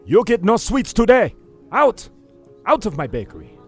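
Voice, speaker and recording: A man voicing a snooty, short-tempered male elf baker who yells and spits his words through gritted teeth. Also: deep voice, wildly swooping pitch, unhurried, creaky, slightly rough, faint music behind, full character voice. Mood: furious.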